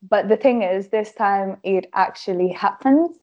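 A woman's voice: mid-range voice, measured pace, darkish tone, lo-fi sound. A 21-year-old woman from Croatia, chatting as a podcast guest, giggling often and filling her talk with "like". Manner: giggly, chatty, many "like" fillers. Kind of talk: casual podcast interview.

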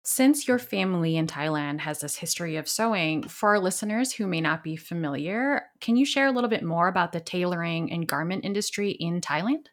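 A woman co-hosting a podcast, teasing her co-host wryly and asking the guest clear questions. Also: fairly low pitch, brisk, hardly any pauses.

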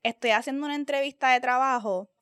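A woman's voice: high voice, fast, a bit bright, clear, resonant tone, no echo, clean studio sound. A young woman with a Puerto Rican accent, co-hosting a podcast as casual chat, telling stories with animation and switching into English phrases. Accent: Puerto Rican Spanish. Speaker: podcast co-host.

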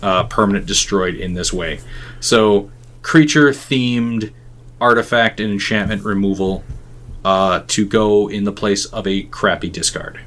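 A man's voice: lowish voice, measured pace, a bit bright. A man in casual podcast chat about card game decks, laid-back and joking. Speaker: podcast co-host.

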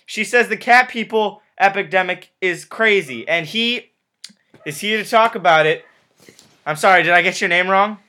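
A man's voice: sits high, normal speed, bright, forceful tone. A man hosting a playful mock news report, jokey and loose.

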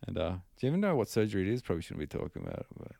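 A man's voice: fairly low pitch, sing-song, racing, creaky, mellow, no room sound, clean studio sound. A man co-hosting a podcast, talking in a laid-back, joking way with plenty of swearing. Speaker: podcast co-host. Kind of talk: casual chat.

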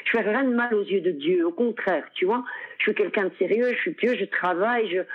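A middle-aged woman from Belgium talks as an interview guest in a loose, chatty way, full of hesitations and quick laughs. Her voice comes through narrow and tinny, like a phone call. Her pitch sits in an ordinary middle range. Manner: chatty, many fillers, frequent laughs. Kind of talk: casual conversational interview.

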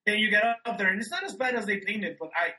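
A man's voice: sits high, expressive, rapid-fire, sharp tone, rough recording. A man co-hosting a podcast in casual chat, telling loose rambling stories, recorded over a remote call. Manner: rambling, loose, many "like" fillers, laid-back storytelling. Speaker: podcast co-host. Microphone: remote call microphone.

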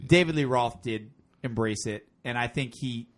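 A man's voice: mid-range voice, normal speed. A man co-hosting a casual rock podcast, joking around and running down a bracket in a playful announcer voice. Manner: playful announcer voice when reading matchups. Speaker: podcast co-host. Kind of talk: casual chat, bracket rundown.

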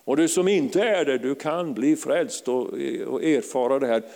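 Fervent gravelly male preacher in a hall. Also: medium pitch. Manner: fervent, rises to shouting, frequent hallelujahs. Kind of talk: charismatic sermon. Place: church.

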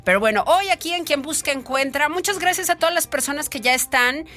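Very bright-voiced Mexican woman hosting radio. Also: sits high, lively intonation, fairly quick. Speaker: radio show host. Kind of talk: radio presenting and interviewing. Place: radio studio. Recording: music playing behind. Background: background music.

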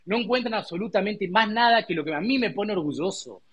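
Argentine man in his thirties, high-pitched, rapid-fire delivery, combative and repetitive, arguing over crosstalk from other voices. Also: animated, a loud crowd. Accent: Argentine Spanish. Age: 30s. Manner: combative, repeats mocking questions. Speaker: participant in an online audio chat. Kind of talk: heated online argument.

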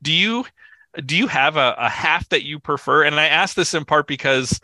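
Male podcast co-host with a very bright, tense voice and a dry close sound, eager and animated. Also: fairly high pitch, normal speed, no echo. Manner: enthusiastic, animated retelling. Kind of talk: casual film discussion.

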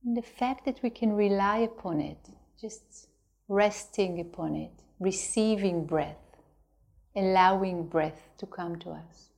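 Guiding a meditation, a woman with a mid-range voice and vocal fry talks softly and without hurry, letting long silences fall between her phrases.

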